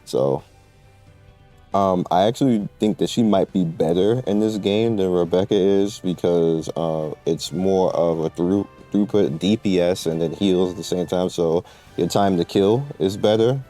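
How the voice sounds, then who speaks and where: This gamer's low, dark voice is unhurried as he leads viewers through a game guide. His commentary stays informal and slangy, wandering through explanations, with faint music behind him.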